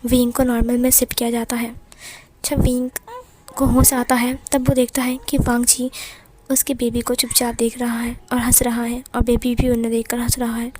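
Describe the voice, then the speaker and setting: A woman retelling fan fiction as a storyteller, in plain, steady narration. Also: a little high, normal speed.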